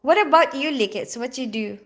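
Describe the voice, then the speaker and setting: A middle-aged woman from the Philippines hosting a casual livestream, reading viewer comments aloud and chatting with a quick laugh. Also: high-pitched, fairly bright tone. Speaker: livestream host.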